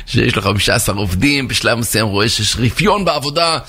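A man, a rabbi, telling a parable in a sermon, animated, with sound effects and acted voices. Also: medium pitch, slightly rough. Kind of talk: storytelling sermon.

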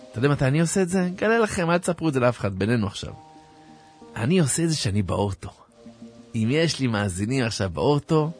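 A man giving a dramatic religious talk to his listeners. He moves from hushed asides to sudden shouts. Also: medium pitch. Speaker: religious teacher. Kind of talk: animated Torah talk to listeners.

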